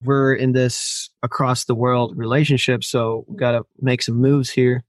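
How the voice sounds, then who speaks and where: A native Finnish speaker from Finland, this man is a podcast guest telling a long personal story in a casual storytelling interview, acting out quoted lines and laughing often. His mid-range voice has little pitch movement and runs a little slow. There's no echo.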